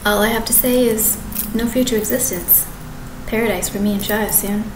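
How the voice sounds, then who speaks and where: A woman in her thirties, medium-pitched and steady in tone, vlogs to a webcam at desk distance from her apartment living room with the kitchen behind. The monologue rambles and halts, with frequent restarts and corrections, and the recording is echoey with background noise.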